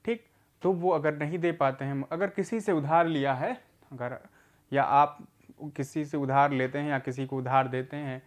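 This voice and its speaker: A fairly high-pitched man with fairly even intonation teaches a recorded adult literacy lesson. He asks questions and answers them himself, patiently going over words slowly.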